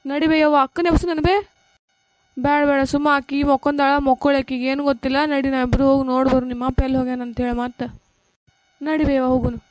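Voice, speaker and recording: A woman's voice: high voice, level tone, fast, darkish tone, no room sound, lightly acted. A woman voicing a worn-out village mother with a North Karnataka Kannada accent, pleading and scolding about her drinking husband in a cartoon. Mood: worried. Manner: pleading, scolding, weary complaint. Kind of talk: cartoon voice acting.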